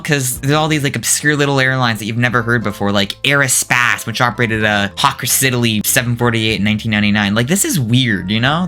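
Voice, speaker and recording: A man ranting casually in one take as a video creator, rambling with lots of "like" and asides, his pitch jumping up and down. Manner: pitch swings up and down a lot. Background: faint background music.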